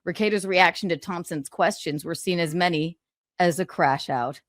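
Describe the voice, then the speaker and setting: In clean studio sound without any room sound, a streamer with a fairly low-pitched voice speaks at a normal speed. She alternates between relaxed chatter and reading from a book, giving it gloating, sarcastic, theatrical emphasis.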